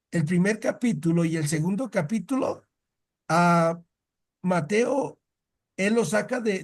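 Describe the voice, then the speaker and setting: A man leads a relaxed catechism lesson, his voice sitting noticeably high for a man. He talks in a storytelling way and often stops to restart a word or phrase. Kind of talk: casual Bible teaching.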